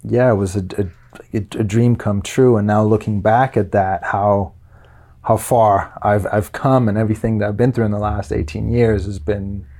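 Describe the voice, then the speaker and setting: A man's voice: on the low side, steady tone, moderate pace, dark tone. A man in his thirties from Denmark, a life coach guest on a podcast, speaking hesitantly with many fillers and repeated words. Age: 30s. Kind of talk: casual interview chat.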